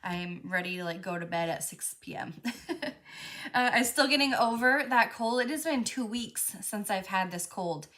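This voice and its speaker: The host of a live crafting stream, a woman, speaks at a normal speed with lively intonation and a pushed, bright medium-pitched voice. She chats in a friendly, filler-heavy way, and a cold makes her sound a little stuffy.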